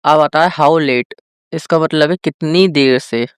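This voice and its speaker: A male teacher giving a vocabulary lesson, addressing viewers as friends and slowly drawing out each example sentence. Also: on the high side, clean tone, no room sound, studio quality. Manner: slow, drawn-out example sentences. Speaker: English teacher.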